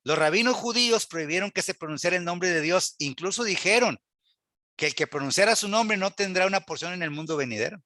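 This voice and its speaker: In a high, bright voice, a man teaches a church Bible class, posing rhetorical questions and reading scripture aloud with earnest emphasis. His delivery is expressive and brisk. The audio is dry and close, with no room sound.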